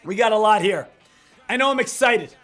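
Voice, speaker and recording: Male live stream trading host, very high voice, hoarse smoker's rasp, hype-man energy, music underneath. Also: animated, normal speed, fairly bright tone. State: hoarse, recovering from illness. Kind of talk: hyped live stream market commentary.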